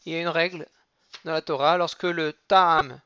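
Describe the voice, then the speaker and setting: A man giving a cantillation lesson, chanting verses slowly and then explaining each word with careful repetitions. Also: fairly high pitch, fairly even intonation, pushed and bright, clear, resonant tone, no echo, muffled recording. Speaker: teacher of Torah reading.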